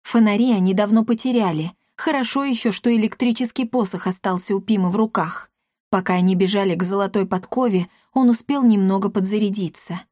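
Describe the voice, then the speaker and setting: A woman narrating a children's audiobook with lively storytelling. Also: mid-range voice, fairly quick, dry recording, clean studio sound.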